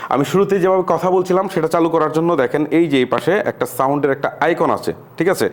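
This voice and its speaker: A man's voice: a little high, steady tone, fast talker. A man hosting a casual tutorial, chatting to viewers as he demonstrates an app and often mixing English words into his speech. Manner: chatty, keeps saying "see" to viewers, mixes in English words. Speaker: tech tutorial host. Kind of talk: casual screen-recorded tutorial.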